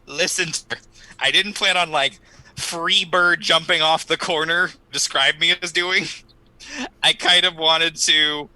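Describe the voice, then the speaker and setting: A man's voice: on the high side, fairly even intonation, slow pace, pushed and bright, poor audio. A man chatting casually and jokingly as a player in a tabletop game.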